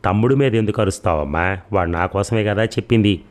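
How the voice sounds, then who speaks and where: Naive retired husband, calm and trusting, read by a deep-voiced man. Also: fast, natural voice.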